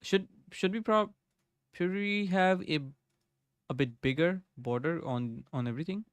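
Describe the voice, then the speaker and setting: Streaming live from his desk at home, a young man codes while thinking aloud and greeting people in chat. He has a high voice and an unhurried pace, and the desk microphone delivers a clean tone with no echo in this casual live coding chat.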